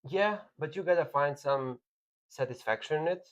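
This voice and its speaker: A man's voice: fairly high pitch, normal speed, highs cut off. A man from Serbia with a Serbian accent, talking plainly and earnestly as a business owner in a casual podcast chat.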